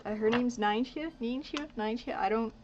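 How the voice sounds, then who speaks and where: Painting on a live stream, a twenty-something woman whose first language is Dutch talks slowly in a slightly high voice, rambling and muttering to herself. The stream audio is lo-fi and a bit dull, with slight background noise and faint ambience.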